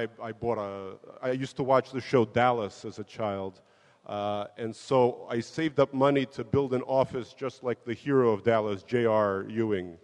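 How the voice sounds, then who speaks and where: A Soviet-born man, a guest in an interview, tells relaxed conversational stories about himself in a mid-range voice. He's self-deprecating, laughs often, and restarts his sentences many times. The recording carries a long hall reverb.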